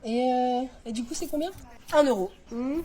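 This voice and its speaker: A woman's voice: sits high, normal speed, mellow. A woman performing casual comedic sketch dialogue, chatty and haggling back and forth.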